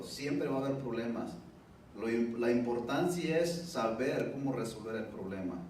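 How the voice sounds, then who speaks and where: Heard from far off through a distant mic, a man with a medium-pitched, slightly mellow voice gives a Spanish-language personal testimony at a public event. The indoor event room is very echoey, with faint noise in the background.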